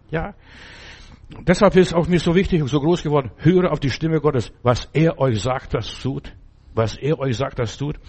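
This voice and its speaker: Older male preacher, emphatic sermon delivery, slightly high voice. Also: a little mellow. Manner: emphatic preaching, addresses congregation directly. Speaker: pastor.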